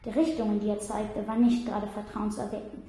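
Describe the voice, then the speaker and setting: A woman reading a first-person children's story aloud in a steady, plain voice. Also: mid-range voice, brisk. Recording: very echoey room.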